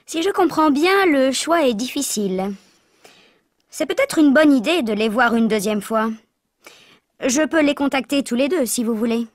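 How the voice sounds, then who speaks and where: Female, slightly high voice, clear and questioning in a scripted course dialogue; dry close mic. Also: expressive, normal speed, dry recording.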